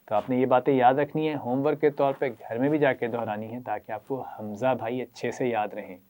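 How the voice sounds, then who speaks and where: A man with a Pakistani Urdu accent leads a children's Quran reading lesson. He keeps up steady praise and has the class repeat letters after him. His voice is dark and mellow. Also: mid-range voice. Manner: encouraging, praises often and leads repetition.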